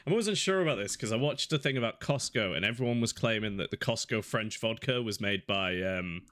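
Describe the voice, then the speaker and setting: A man's voice: fairly low pitch, animated, a little fast, a bit bright, no room sound, studio quality. A man co-hosting a podcast who chats in a casual, wry way and passes on stories he has seen. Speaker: podcast co-host. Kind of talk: casual chat.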